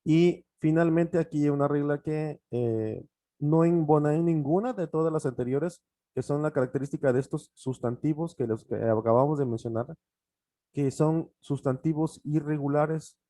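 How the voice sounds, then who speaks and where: A man whose first language is Spanish, teaching an online English grammar lesson, explaining step by step and repeating examples, often pausing with fillers. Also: on the high side, mellow, dry recording.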